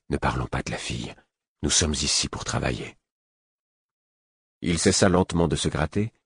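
A man reading a fantasy novel aloud in the first person, with a measured, even storytelling delivery on a close microphone. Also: a bass voice, slightly rough, no echo. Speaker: audiobook narrator.

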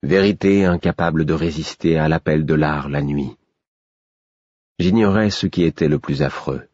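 A man reading a first-person audiobook in a measured, steady way. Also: a bass voice, no echo, dull audio. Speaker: audiobook reader.

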